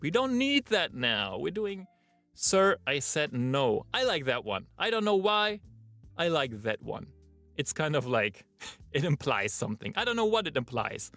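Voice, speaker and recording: A male voice actor, chatting and thinking out loud during a live-streamed recording session in his booth. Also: on the high side, dry recording. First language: German. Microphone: booth microphone.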